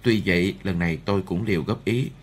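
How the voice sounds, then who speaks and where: A man reading a novel aloud in the first person, in a measured, steady way. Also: low voice. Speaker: audiobook narrator.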